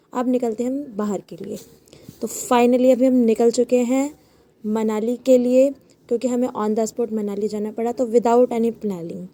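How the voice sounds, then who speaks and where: A woman's voice: fairly high pitch, dark tone. A young woman narrating a casual travel vlog, chatty and repeating set phrases as she goes. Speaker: vlogger.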